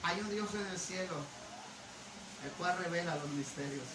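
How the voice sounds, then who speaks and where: High-voiced preacher in an echoey church. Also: male voice, moderate pace. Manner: builds from calm teaching to shouted fervor, repeating phrases. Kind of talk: Pentecostal-style sermon. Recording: echoey hall, preacher far from the mic, noisy.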